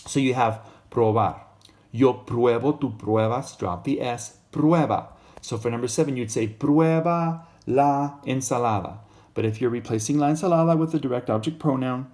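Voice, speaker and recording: A man explaining Spanish grammar in a casual lesson, modelling each Spanish phrase slowly and more loudly than his English. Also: mid-range voice. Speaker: Spanish teacher.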